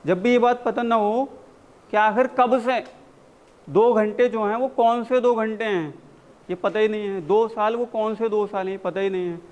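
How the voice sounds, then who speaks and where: A man's voice: high-pitched, fairly even intonation, normal speed, dull audio. A man with an Indian accent teaching spoken English in a university classroom, explaining in Hindi and drawing out his English example sentences. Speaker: English communication coach. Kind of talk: classroom lecture.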